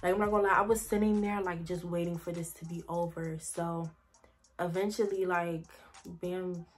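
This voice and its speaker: A young woman with a fairly low voice, level tone, and normal pace vlogs a casual storytime. She chats and rambles with lots of "like" fillers, speaking directly to her viewers as "y'all."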